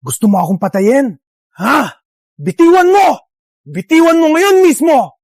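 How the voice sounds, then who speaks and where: A loud, abusive gang captain. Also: male voice, very high-pitched, big pitch swings, a little slow, full character voice. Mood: angry. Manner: barking, cursing orders. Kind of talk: dubbed drama acting.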